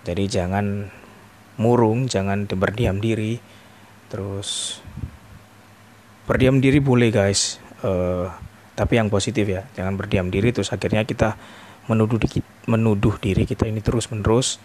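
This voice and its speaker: Deep-voiced man giving a casual devotional. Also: steady tone, moderate pace, pauses often, a little mellow, a little hiss or hum. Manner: informal, addresses listeners as "guys", frequent "eh" hesitations.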